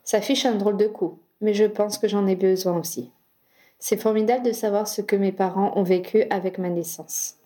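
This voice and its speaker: Woman voicing an earnest young guy, patient war hero, gentle reassuring audiobook read, mellow voice. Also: medium pitch, fairly even intonation, moderate pace, close to an everyday voice.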